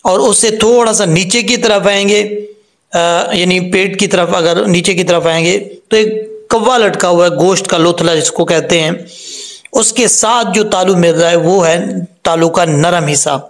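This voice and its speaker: A man. He talks slowly and patiently, explaining each letter step by step. Now and then he chants the verse in a drawn-out voice. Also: sits high. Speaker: Quran recitation teacher. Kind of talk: tajweed lesson with recitation.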